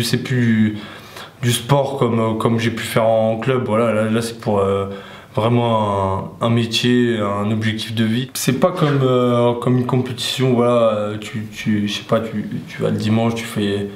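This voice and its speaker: A young man from the Paris region, a ski instructor trainee, speaking in a documentary interview with many restarts and fillers. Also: on the low side. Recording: echoey room with faint noise.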